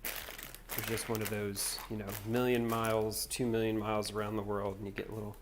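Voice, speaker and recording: A man's voice: lowish voice, flat delivery, normal speed, noisy background. A man from North Carolina hosting a livestream, chatting casually and rambling in a laid-back way as he builds. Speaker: livestream host. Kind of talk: casual chat while building.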